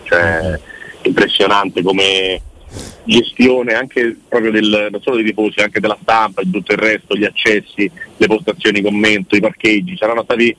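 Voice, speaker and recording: A man's voice: on the low side, fairly even intonation, normal speed, sharp tone, rough recording. A man giving casual on-air sports analysis in a discursive, opinionated way. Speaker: sports commentator.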